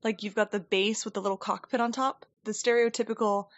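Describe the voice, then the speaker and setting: On a podcast she co-hosts, a woman chats her way through a rambling story, laughing a lot, speaking fairly quickly with a mid-range voice and fairly even intonation. Her desk microphone gives a dry recording with the highs cut off.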